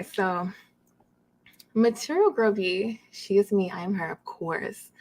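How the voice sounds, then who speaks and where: A woman's voice: lowish voice, fairly bright tone. A woman with a Brooklyn accent chatting casually and expressively as an upbeat interview guest. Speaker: podcast guest, anime content creator.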